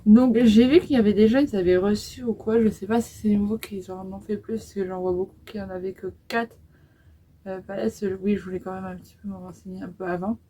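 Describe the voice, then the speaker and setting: Woman, 20s, beauty vlogger. Mellow, slightly breathy voice, casual and hesitant. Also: medium pitch, fairly even intonation, fairly quick, rough recording. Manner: chatty, hesitant, many fillers while applying makeup. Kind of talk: casual makeup tutorial.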